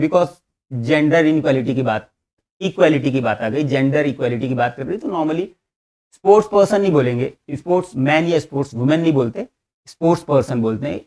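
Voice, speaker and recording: A man teaching spoken English in an online lesson, speaking with an Indian accent, correcting pronunciation and repeating each word slowly for learners. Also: fairly high pitch, darkish tone. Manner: drills words slowly and repeats them for learners. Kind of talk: recorded online language lesson. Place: classroom.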